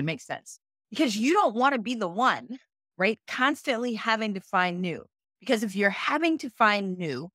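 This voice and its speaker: A middle-aged woman runs a live online business class, talking in a relaxed, chatty way. She keeps checking in with her viewers and reacts out loud to their comments. Her voice sits at an ordinary middle pitch, recorded close and dry with no room echo. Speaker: business coach.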